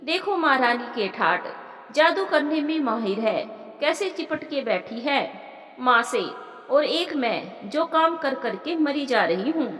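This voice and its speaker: A woman's voice: high-pitched, lively intonation, takes it slowly, a bit bright, full character voice. A woman voicing a jealous, overworked sister-in-law who mutters resentfully, in a storybook narration. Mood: grumbling. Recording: roomy with long reverb.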